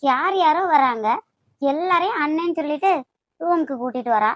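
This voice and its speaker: Woman voicing a young cartoon woman, Kanyakumari Tamil accent, high-pitched, complaining, dry close sound. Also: expressive, normal speed, dry recording. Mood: irritated. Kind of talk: amateur cartoon voice acting.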